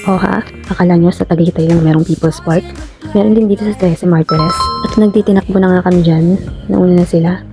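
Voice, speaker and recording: A woman's voice: fairly low pitch, fairly even intonation, a little fast, over music. A Filipino woman giving a chatty, playful voice-over narration for her vlog, addressing her viewers. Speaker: vlogger.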